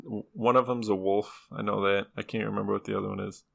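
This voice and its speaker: Gravelly laid-back man on a podcast. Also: on the low side, flat delivery, quick pace. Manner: laid-back, swears casually, laughs often. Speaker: podcast co-host presenting the topic. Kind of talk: casual podcast banter.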